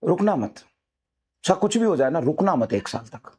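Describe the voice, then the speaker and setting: High-pitched man, teacher, fiery motivational talk to students, hammers the same lines again and again. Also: sing-song, moderate pace, dark tone, husky. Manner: fiery, repetitive exhortations.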